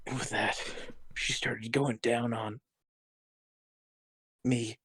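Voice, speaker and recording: A man reading a joke post aloud in a deadpan, mock-dramatic way with long pauses. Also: mid-range voice, husky, no room sound.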